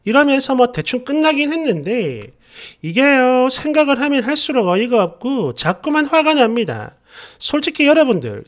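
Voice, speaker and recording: A woman telling a dramatized first-person story with a lively, swooping voice. She sounds indignant and sarcastic, heaping scorn on the people she describes. Her delivery is dramatic and emphatic throughout. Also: a little high. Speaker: story narrator.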